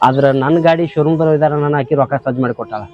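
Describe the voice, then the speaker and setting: A man's voice: a little high, racing, lightly acted. A man playing a defensive tractor driver with a North Karnataka accent. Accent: North Karnataka Kannada. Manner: defensive, pleading. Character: indebted young tractor driver, defensive lover. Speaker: tractor driver in a village drama. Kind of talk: short-film acting. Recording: slightly dull audio, faint music.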